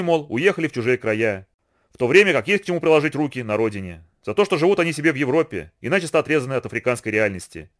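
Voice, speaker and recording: Brisk, expressive male audiobook reader. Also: mid-range voice. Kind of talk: scripted narration of a novel.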